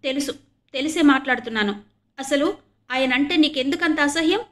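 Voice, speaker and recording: A woman's voice: fairly high pitch, level tone, measured pace, lightly acted. Woman voicing a tearful crippled boy. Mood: tearful protest. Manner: pleading, tearful.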